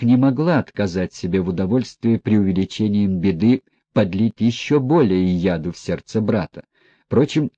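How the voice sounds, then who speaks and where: A man narrating a classic novel as an audiobook in a measured, even reading. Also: lowish voice, dry recording, lo-fi sound.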